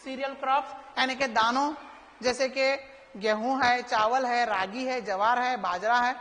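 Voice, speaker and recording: A woman teaches a recorded class for young pupils, pitched a little high. She talks them through each point patiently, asking questions and answering them herself, and reads English sentences aloud slowly and carefully. Her voice rings with a long reverberant echo. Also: fairly even intonation, fairly bright tone. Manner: slow, patient explaining with rhetorical questions to pupils. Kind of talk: recorded online class for children.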